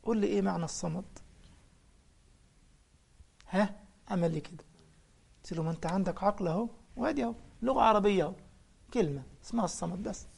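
A man's voice: high-pitched, fast, vocal fry, long pauses, a little mellow, breathy edge. A man with an Egyptian accent preaching a colloquial religious lesson, telling anecdotes and firing off mocking rhetorical questions. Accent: Egyptian Arabic.

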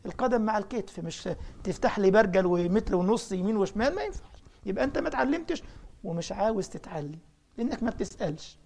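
A middle-aged man with an Egyptian accent, a preacher and imam, telling a story in an animated way and acting out the dialogue. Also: sits high, fast talker, vocal fry. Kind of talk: storytelling religious talk.

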